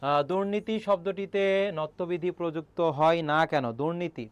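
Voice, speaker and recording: A middle-aged man with a Bangladeshi Bengali accent, a senior teacher running an online admission-prep class. He explains step by step, often quizzes his students and keeps clearing his throat. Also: on the high side, normal speed, no room sound, muffled recording.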